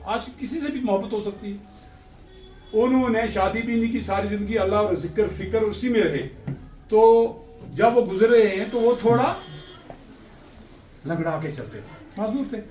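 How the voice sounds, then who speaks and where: A man telling stories about poets and Sufis in an animated way, asking rhetorical questions and quoting elders in a softer voice. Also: very high-pitched, recorded from a distance. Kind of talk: storytelling talk. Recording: echoey and set back from the mic.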